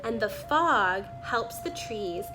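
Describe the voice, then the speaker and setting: In a poor-quality recording with background music, a woman with an animated, mid-range voice reads a children's book aloud. She stops here and there to share spontaneous thoughts about the illustrations.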